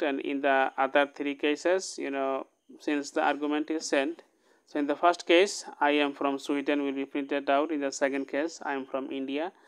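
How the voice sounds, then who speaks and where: Reading code aloud line by line, a male programming tutor regularly checks in with "okay?" during a laid-back screen-recorded lesson. His voice is smooth and fairly high.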